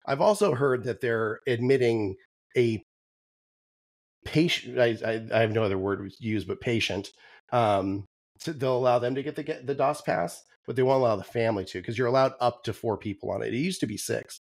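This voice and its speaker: A man co-hosting a podcast, chatting casually with frequent ums and restarts, his voice going hoarse. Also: medium pitch, fairly quick, darkish tone, no echo. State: losing his voice. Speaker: podcast co-host. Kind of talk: casual chat.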